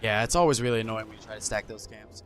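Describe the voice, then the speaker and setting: A man's voice: fairly low pitch, quick pace, fairly bright tone. A man giving casual play-by-play esports commentary, thinking aloud, hedging and correcting himself as he goes. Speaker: esports caster.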